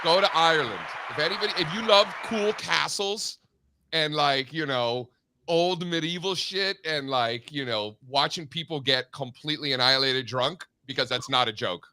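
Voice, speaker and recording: A man co-hosting a morning show, joking around in animated casual chat. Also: a little high, normal speed, slight background noise. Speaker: co-host.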